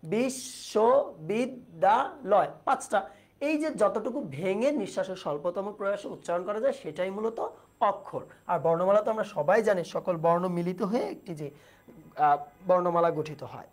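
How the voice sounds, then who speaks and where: A woman's voice: medium pitch, normal speed, darkish tone. A woman teaching an online exam-prep lesson. She explains patiently, asks the students questions and reads out their comments.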